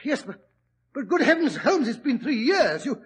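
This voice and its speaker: A man's voice: very high-pitched, sing-song, moderate pace. An actor playing a loyal, flustered male doctor in a 1940s radio drama, stammering through his words. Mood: excited. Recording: old lo-fi radio broadcast.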